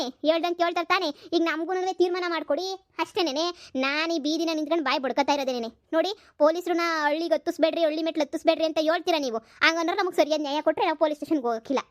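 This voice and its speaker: A woman voicing a loud, combative village mother in a cartoon comedy, scolding rapidly. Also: sits high, no echo, studio quality, lightly acted. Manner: shouting accusations, rapid scolding.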